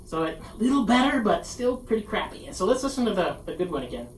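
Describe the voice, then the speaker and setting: A presenter giving a casual conference presentation, halting and self-deprecating, recorded in a presentation room. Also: mid-range voice, sing-song. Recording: echoey room, distant mic, faint noise.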